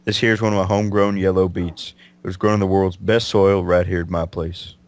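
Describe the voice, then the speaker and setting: A man playing a gruff old mountain hermit. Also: sits low, level tone, brisk, no room sound, close to an everyday voice. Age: older. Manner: blunt, curt country talk. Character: gruff ageless male mountain hermit, distrusts people.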